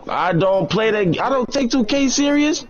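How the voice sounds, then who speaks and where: Animated young man trash-talking. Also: high voice, normal speed, background noise. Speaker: gaming channel host. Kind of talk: casual gaming chat with friends. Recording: slightly dull lo-fi mic.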